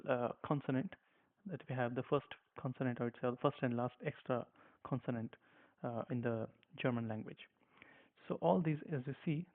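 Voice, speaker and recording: A man teaching a language lesson, patiently spelling out letters one at a time and saying how each one sounds. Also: mid-range voice. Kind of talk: slow spoken lesson with repetition. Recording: tinny phone-like sound.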